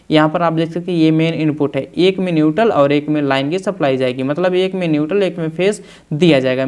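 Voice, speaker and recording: A repair instructor with a high-pitched voice explains a tutorial step by step, using fillers and repeating phrases.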